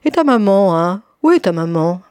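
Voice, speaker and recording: A woman's voice: medium pitch, big pitch swings, normal speed, darkish tone, clean tone, no room sound, studio quality, close to an everyday voice. A woman reading an audiobook, voicing a stern, haughty charity lady in her fifties with cold politeness. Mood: coldly polite. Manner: coldly polite, sharply questioning.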